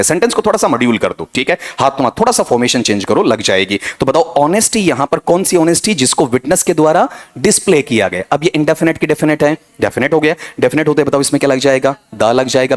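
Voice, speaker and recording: A man teaching an English grammar lesson, quizzing his students and drilling pronunciation. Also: medium pitch. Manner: drilling, questioning students, calls them beta ji. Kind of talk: exam coaching lesson.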